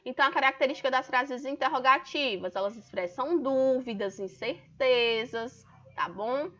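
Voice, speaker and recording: Bright-voiced Brazilian woman teacher. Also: high-pitched, lively intonation, moderate pace. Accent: Brazilian Portuguese. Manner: explains step by step, checks in with "tá bom?". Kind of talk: online class lesson. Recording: dull lo-fi online class audio.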